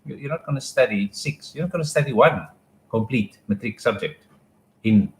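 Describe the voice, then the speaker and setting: A man's voice: medium pitch, expressive, normal speed, echoey room, low-quality recording. A man explaining exam options in a casual, conversational live talk, often restarting his sentences. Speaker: education advisor.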